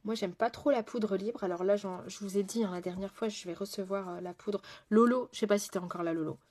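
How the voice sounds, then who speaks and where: A woman makeup artist hosts a live makeup session in a loose, chatty way. She talks to her viewers directly, picks up their comments as she goes, and often trails off or hesitates mid-thought. Her voice sits at an ordinary middle pitch. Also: steady tone, brisk, a little mellow. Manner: frequent fillers and trailing off mid-sentence.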